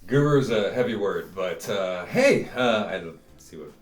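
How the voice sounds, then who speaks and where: A man with a low voice that swings up and down chats casually as a player at a tabletop game. The sound is roomy, with a faint hiss behind him. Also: animated, moderate pace. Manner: loose, swearing, laid-back. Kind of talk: casual chat. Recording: roomy room mic with faint noise.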